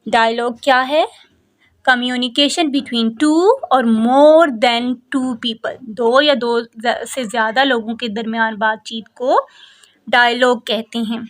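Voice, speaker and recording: Slow-reading Pakistani woman teacher. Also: fairly high pitch, fairly even intonation. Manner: reads English lines slowly and deliberately, then explains quickly. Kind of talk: textbook lesson, reading English and explaining in Urdu.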